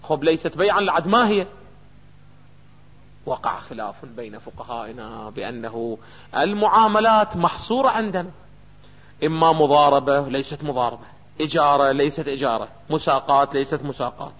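A man with an Iraqi Arabic accent gives a seminary lecture on jurisprudence, his voice sitting fairly high. He keeps quizzing the class with rhetorical questions and answers them himself. The sound is dull and lo-fi, with a long reverb trailing off the hall. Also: expressive, brisk, a bit bright. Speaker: jurisprudence teacher. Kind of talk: seminary lecture on a legal text.

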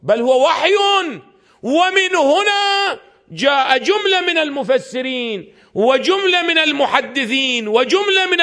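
A man's voice: very high voice, sharp tone. A man teaching a lecture on religious legal theory. He throws questions at his listeners and answers them himself, stretching out the verses he recites.

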